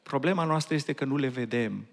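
A man's voice: mid-range voice, vocal fry. A man preaching a sermon, asking earnest rhetorical questions and slipping in English phrases. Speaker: pastor.

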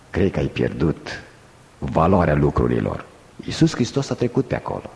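Emphatic preacher, man, echoing church hall. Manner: emphatic, swinging between loud high outbursts and slow hushed phrases; asks the congregation rhetorical questions. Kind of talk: sermon. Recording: long reverb of a large hall.

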